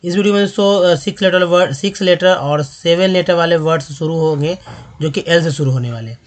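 A man hosting a spoken language lesson, explaining briskly and reading word lists slowly and deliberately. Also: fairly high pitch. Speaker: English teacher and channel host.

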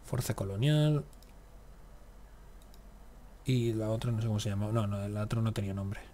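A man's voice: lowish voice, steady tone, moderate pace, warm tone, slight background noise. Man grumbling through a strategy game. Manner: talks to himself, grumbles and curses at the game. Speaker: gaming YouTuber. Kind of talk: casual let's-play commentary.

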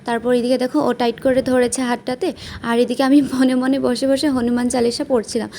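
A woman's voice: a little high, flat delivery, brisk, mellow, slight background noise. A young woman with a Bengali accent, chatting casually through her day while unwell, with many fillers. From West Bengal, India. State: unwell with stomach pain. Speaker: vlogger. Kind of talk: casual vlog narration. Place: at home and out and about.

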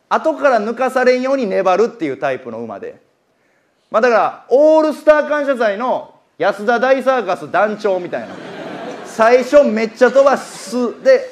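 Young man, Kansai accent, animated stand-up storyteller, high voice with wide swings. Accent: Kansai Japanese. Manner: animated storytelling, acting out his own race-day shouting. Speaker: comedian. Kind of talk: stand-up comic monologue.

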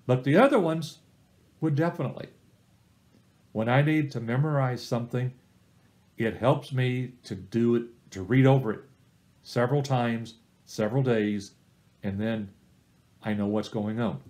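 A middle-aged man teaching a church small-group Bible study, with a voice of ordinary middle pitch. He sets out practical tips one step at a time in a plain, unhurried way, like a lay teacher leading a recorded weekly lesson. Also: a little mellow.

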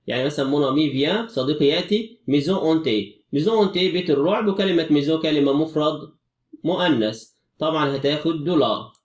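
A man's voice: a little high, darkish tone, echoey room, distant mic. A man with an Egyptian Arabic accent teaching a French exam review, explaining each answer step by step.

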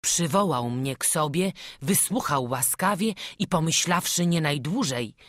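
A woman's voice: low-pitched, lively intonation, unhurried, no echo, clean studio sound. A woman narrating an audiobook, reading a historical story and giving village characters their own voices. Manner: voices village characters in old-fashioned dialogue.

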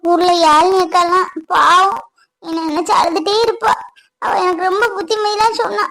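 Woman playing an anxious young runaway wife, super high voice, soft and pleading. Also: steady tone, moderate pace, exaggerated voice, low-quality recording. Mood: worried. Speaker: actor. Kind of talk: family comedy-drama acting.

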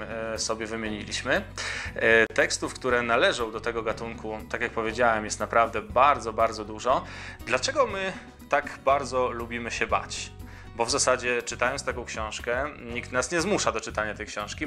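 A man's voice: mid-range voice, sharp tone. A man teaching a school literature lesson, reading a story and explaining with fillers and rhetorical questions. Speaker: Polish language teacher.

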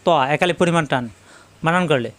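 A man's voice: a little high, brisk, fairly bright tone, no room sound. A man teaching Quran letter pronunciation, spelling each letter out and repeating it for his students. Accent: Bangladeshi Bengali. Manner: addresses students directly.

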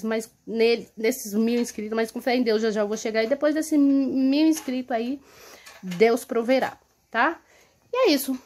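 A young woman with a Brazilian Portuguese accent talks in a home vlog, her voice a touch higher than most. She chats along loosely, tagging her sentences with little checks to the viewer. The sound comes from a phone held at arm's length in a small room of her home. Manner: chatty, with many tag questions like "tá?" and "entendeu?". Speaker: vlogger and mother.

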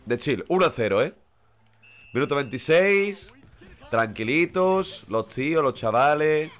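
A man's voice: fairly high pitch, a little slow, faint music behind. A man with a cold, streaming a football game live and swearing at the play. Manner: excitable, swears constantly, shouts at the game. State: sick with a runny nose. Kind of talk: live gaming stream commentary.

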